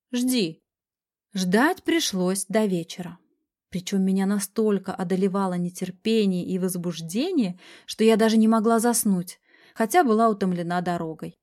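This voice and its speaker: Женщина читает детективную аудиокнигу. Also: female voice, mid-range voice, moderate pace, darkish tone. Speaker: first-person narrator, private detective. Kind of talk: audiobook narration.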